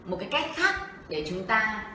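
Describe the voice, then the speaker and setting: A woman's voice: medium pitch, big pitch swings, moderate pace, sharp tone, slight background noise. A woman with a Vietnamese accent co-hosts a livestream English lesson, turning to the audience with questions as she explains. Her voice sits in a middle range. She is recorded from a distance in a very echoey room. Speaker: co-host and interpreter.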